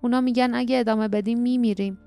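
A woman reading the part of a wild young forest girl, speaking in a hushed, urgent way. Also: on the high side, steady tone, dry recording, faint music behind, natural voice. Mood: hushed fear.

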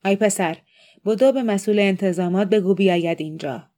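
A woman's voice: mid-range voice, mellow, close to an everyday voice. A woman voicing a pompous bespectacled bank director who protests in a formal, offended way, in an audiobook reading. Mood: indignant.

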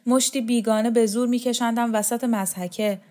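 A woman's voice: fairly high pitch, steady tone, a little mellow, pitched above the performer's own voice, close to an everyday voice. A worn-out young man in a storybook, bitter and rebellious, voiced by a woman reader. He pleads and protests in a raised, agitated tone.

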